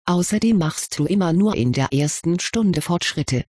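A level-headed young wizard from a storybook, laying out his reasoning with a dry, lightly ironic edge, as a reader puts him on. The voice is a little husky and close, with no room around it. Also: medium pitch, animated, normal speed, darkish tone, no room sound. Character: sensible, dry-witted schoolboy wizard. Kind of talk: audiobook reading of fan fiction.

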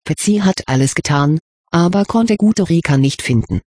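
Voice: medium pitch, expressive, moderate pace, darkish tone, no room sound, clean studio sound, natural voice. A reader voicing a devoted little female house-elf who speaks of herself in the third person, in an audiobook. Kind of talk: audiobook character reading.

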